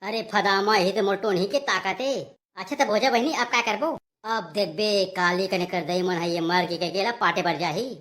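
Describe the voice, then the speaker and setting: A woman with a Chhattisgarhi accent voicing cartoon characters in brisk village banter. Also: mid-range voice, a bit bright. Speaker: cartoon voice artist.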